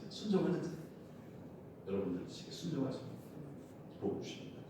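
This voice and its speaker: Animated pastor preaching in an echoey church. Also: male voice, normal speed. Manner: animated, shouts acted crowd cries, laughs often. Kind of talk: sermon. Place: church sanctuary. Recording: loud echo, from far off, faint rumble.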